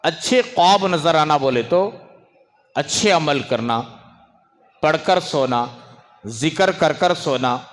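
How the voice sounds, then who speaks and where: A man preaching an Islamic sermon, swinging between raised, emphatic phrases and low asides, and stopping to hush restless children. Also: animated, slow pace, long pauses. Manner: scolds and hushes children in the audience. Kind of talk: religious sermon. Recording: long hall reverb.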